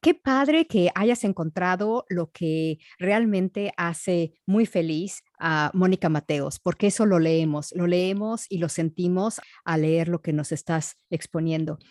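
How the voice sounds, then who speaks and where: A woman's voice: fairly low pitch, a little slow, hardly any pauses, a little mellow, no room sound, clean studio sound. A woman with a Mexican accent hosting an interview and asking questions with praise for her guest. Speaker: interview host. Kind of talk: radio interview.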